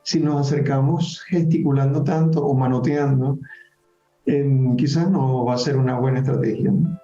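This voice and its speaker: A man's voice: mid-range voice, steady tone, normal speed, warm tone, echoey room, muffled recording, soft background music. A man with a Puerto Rican accent hosting a health talk show, rephrasing points and checking with his guest. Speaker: host.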